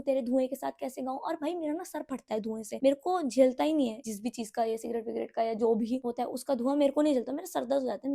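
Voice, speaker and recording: A young woman telling a story to her viewers in a chatty, animated way, filming herself on a phone. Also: high-pitched, vocal fry. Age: young adult. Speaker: vlogger. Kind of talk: casual storytelling vlog. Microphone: phone camera.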